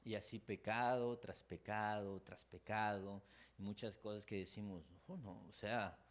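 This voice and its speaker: A man's voice: lowish voice, flat delivery, a little slow. A man with a Mexican accent preaching a sermon as a pastor, emotive, acting out the struggles of his listeners.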